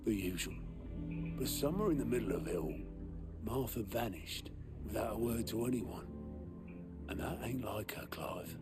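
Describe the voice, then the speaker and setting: An actor playing a blunt, gruff quartermaster in a video game. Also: male voice, lowish voice, animated, moderate pace, long pauses, natural voice. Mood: grim. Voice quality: gravelly, blunt. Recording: game audio with music behind.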